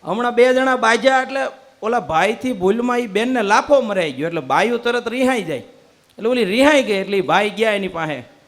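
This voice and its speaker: A man's voice: high voice, lively intonation, fairly quick. A man telling comic stories on stage, acting out the people in them through quoted dialogue. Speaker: comedian. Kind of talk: stand-up comedy storytelling.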